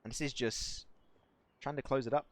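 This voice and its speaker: A man casting a live mobile shooter match, excitable and rising to near shouts on big plays while chatting to viewers. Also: mid-range voice, normal speed. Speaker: esports caster. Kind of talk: live game commentary.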